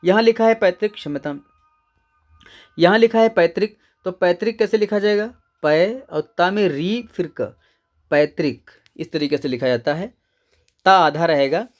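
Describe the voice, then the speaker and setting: Man teaching Hindi grammar step by step. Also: high voice. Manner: explains step by step, repeats key words, checks in with "ठीक है". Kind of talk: exam answer-key lecture.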